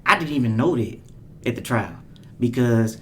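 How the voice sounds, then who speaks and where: A man's voice: mid-range voice, animated, normal speed, fairly bright tone, a little hiss or hum. A man co-hosting a podcast, earnest and repeating words as he gets going. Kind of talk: casual podcast conversation.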